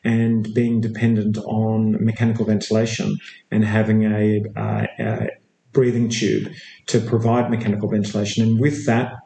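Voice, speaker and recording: Low-voiced man in an echoey room. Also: level tone, vocal fry, warm tone. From Australia. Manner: measured, explanatory, with frequent fillers. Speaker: intensive care physiotherapist and researcher. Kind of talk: interview guest.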